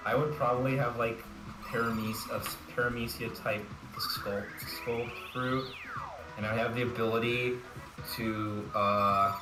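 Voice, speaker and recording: A man's voice: mid-range voice, steady tone, a little slow, echoey room, over music, rough recording. A young man chatting casually as a co-host, rambling and laughing with many restarts. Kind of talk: casual gaming chat.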